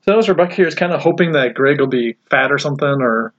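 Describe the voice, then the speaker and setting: A man with a middle-pitched voice co-hosting a casual podcast, relaxed and dryly joking. The recording is dull and lo-fi. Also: quick pace. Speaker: podcast co-host. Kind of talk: casual chat about a fan fiction story. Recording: dull lo-fi sound.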